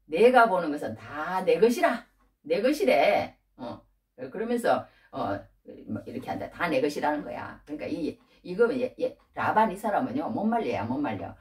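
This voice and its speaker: A woman giving a casual Bible-study sermon, retelling the story with lively asides and frequent prompts to her listeners. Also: sits low, normal speed, recorded from a distance. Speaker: Bible teacher.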